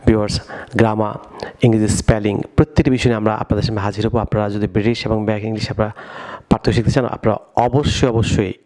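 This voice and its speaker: A man's voice: fairly low pitch, level tone, very fast, a little mellow. A man from Bangladesh teaching an online English vocabulary lesson, often addressing viewers and repeating words for them to drill.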